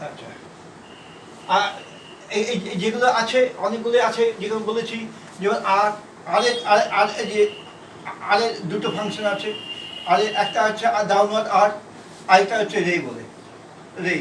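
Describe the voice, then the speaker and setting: A man from India teaching a shorthand class, explaining slowly and repeating himself, letter by letter. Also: sits high, fairly even intonation, a bit bright, a little hiss or hum. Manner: repetitive, halting, spells out letters. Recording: echoey room from far off.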